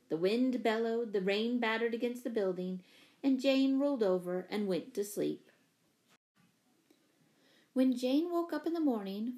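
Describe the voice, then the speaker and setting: A woman reads a children's novel aloud in a clear, even audiobook style. Her voice sits fairly high and her pacing is steady and measured. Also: low-quality recording. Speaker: narrator. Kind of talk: audiobook narration.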